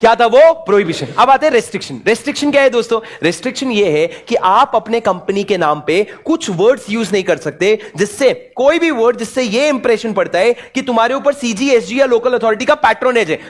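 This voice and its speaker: A young adult man from India giving an animated exam revision lecture, mixing Hindi and English and playing out student questions himself. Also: very high-pitched, brisk, few pauses. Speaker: teacher.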